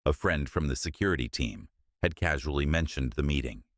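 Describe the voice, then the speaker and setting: A man narrating a scripted story in a steady, measured way. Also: a bass voice, no room sound, studio quality.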